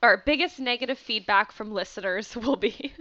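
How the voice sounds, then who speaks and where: A woman in her thirties co-hosting a casual podcast, wry and teasing with quick quips. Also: a little high, pushed and bright, no room sound. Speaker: podcast co-host. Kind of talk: casual chat. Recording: dry lo-fi borrowed equipment.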